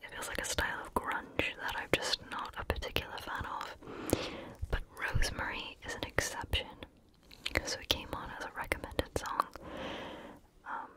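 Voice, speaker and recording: Female ASMR host, hushed ear-close whisper throughout, breathy and unvoiced, casual chatty delivery. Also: moderate pace, poor audio. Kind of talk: whispered ASMR chat about favorite music.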